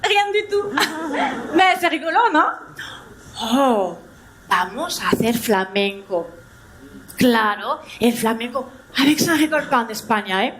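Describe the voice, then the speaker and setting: Woman comic doing a chirpy spanish teacher lady, heavy spanish accent, high voice, teasing the crowd on stage. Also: animated, takes it slowly, long pauses, fairly bright tone. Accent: Spanish accent in French. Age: young adult. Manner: playful, teasing the audience, mixing Spanish into French. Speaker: stand-up comedian. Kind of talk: stand-up character act. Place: theatre stage before a live audience.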